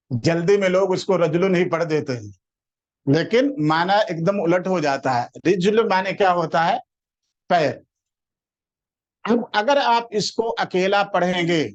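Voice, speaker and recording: A man teaching a classroom grammar lesson, explaining patiently, quizzing his listeners with questions and slowing down to spell out example words. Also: on the high side.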